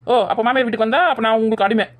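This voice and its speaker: A defiant young daughter-in-law, played by a woman in a homemade village skit. She argues back at breakneck speed in a slightly high voice. She is cheeky and never lets a jab go. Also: fairly even intonation, close to an everyday voice. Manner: argumentative, talks back fast. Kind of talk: village family comedy skit.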